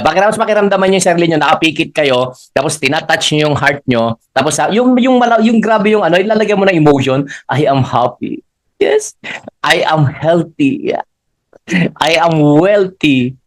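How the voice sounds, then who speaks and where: Middle-aged male trainer, lively and fairly high-voiced, leads group affirmations with frequent laughter. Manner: animated, laughing often, swings pitch up for emphasis; leads the audience in spoken affirmations. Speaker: motivational trainer. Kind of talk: live training talk, Taglish.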